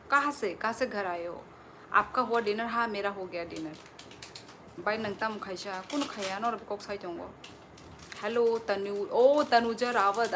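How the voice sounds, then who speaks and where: A woman's voice: medium pitch, a bit bright. A woman hosting a casual phone livestream, reading out viewers' comments and answering them in a chatty way. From Tripura, India. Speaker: live streamer. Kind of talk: casual live-stream chat. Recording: phone livestream with clear background noise.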